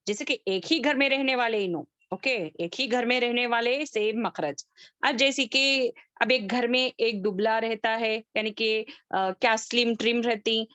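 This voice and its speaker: A woman teaching tajweed over a video call, her voice a little high and very dry, with no room sound around it. She speaks slowly and patiently, stretching out each letter as she drills the sounds. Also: fairly bright tone, no echo. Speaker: Quran recitation teacher. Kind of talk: online tajweed class.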